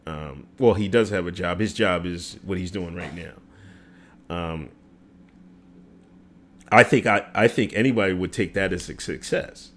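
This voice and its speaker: A man's voice: deep voice, a little slow, long pauses, fairly bright tone. A middle-aged man hosting a casual livestream, talking loosely with many fillers and frequent laughs. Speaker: show host.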